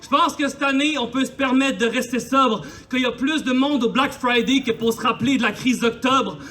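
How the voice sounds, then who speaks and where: At an outdoor celebration in a park, a man with a Quebec French accent performs fervent spoken-word poetry as a poet, in a colloquial, declaiming manner. His very high voice comes out fairly quick, pushed, and bright.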